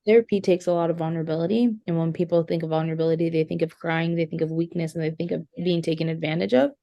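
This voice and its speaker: A woman's voice: low voice, fairly even intonation, creaky, highs cut off. A woman co-hosting a podcast in casual chat, explaining her views earnestly. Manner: earnest, explaining, with quick laughs. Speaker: podcast co-host.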